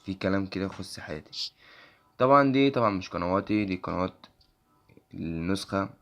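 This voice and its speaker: Egyptian guy with a hoarse, tired voice, real low and gravelly, rattling through an app demo. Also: lively intonation, a bit bright. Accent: Egyptian Arabic. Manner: quick, repeats "okay?" after nearly every phrase. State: hoarse, voice worn out. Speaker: tech channel host. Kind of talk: casual screen-recording walkthrough.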